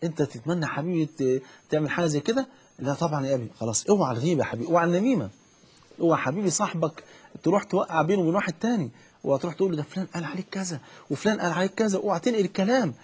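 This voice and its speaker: A man's voice: a little high, animated, racing, slightly rough. A man with an Egyptian Arabic accent, a preacher giving fervent, fatherly religious advice on a call-in show. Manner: fervent, fatherly, keeps saying "my dear".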